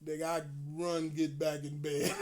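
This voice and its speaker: High-voiced profane male storyteller. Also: very noisy. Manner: animated, profane, laughs often.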